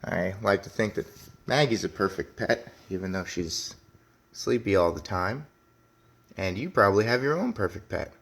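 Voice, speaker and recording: Reading aloud to children like a teacher, a man speaks in a lowish, creaky, somewhat bright and expressive voice. He is deliberate and addresses his young listeners directly, blending story narration with simple commentary.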